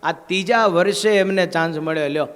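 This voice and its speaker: A man's voice: sits high, brisk, fairly bright tone, clean tone. A man giving a temple sermon as a swami, telling stories in a conversational way and asking the crowd questions. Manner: conversational storytelling, asks the crowd "હા?". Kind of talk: devotional sermon. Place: temple gathering. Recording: long hall reverb.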